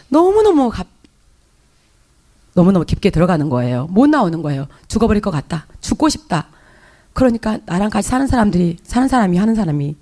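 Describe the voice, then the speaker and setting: A woman's voice: mid-range voice, mellow. A woman with a Jeolla Korean accent giving an emotional, confessional testimony in church, hesitating and restarting often. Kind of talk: spoken personal testimony in church.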